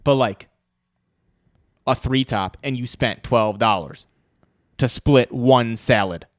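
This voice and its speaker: A young man telling lively stories in podcast banter, sometimes mimicking others in a raised voice. His pitch is ordinary for a man. The recording is dry and close. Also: takes it slowly, no echo. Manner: animated anecdotes, mimics customers in higher voices. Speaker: podcast co-host. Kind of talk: casual chat, storytelling.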